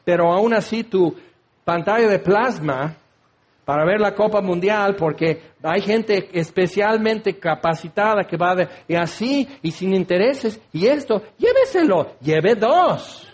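Brief: high-pitched male preacher, animated and joking sermon. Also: unhurried. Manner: animated and humorous, acting out scenes.

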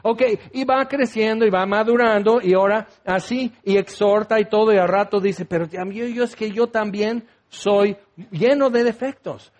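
A man preaching a sermon, lively and acting out the voices of the people he quotes. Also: sits high, moderate pace. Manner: animated, acts out quoted voices.

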